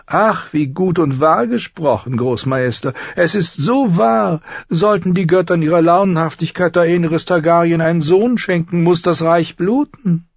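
Varys in an audiobook, voiced by a man as a plump honey-tongued eunuch spymaster whose every word drips with fake sorrow. The voice sits well above the reader's own, soft-edged and slightly husky. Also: on the high side, normal speed, hardly any pauses, no room sound, dull audio, pitched above the performer's own voice. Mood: fawning. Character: unctuous soft-handed male royal spymaster.

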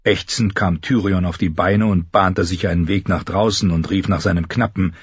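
A man's voice: sits low, steady tone, moderate pace, slightly rough, dry recording. A man reading fantasy fiction aloud as an audiobook narrator. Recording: dull lo-fi recording.

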